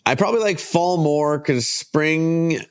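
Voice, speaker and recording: A man's voice: fairly high pitch, a little slow, clear, resonant tone. A man in his thirties, a photographer guest on a podcast, chatting casually and rambling with many restarts, his voice stuffed up from allergies. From United States. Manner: rambling, self-correcting, laughs easily. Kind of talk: casual interview chat.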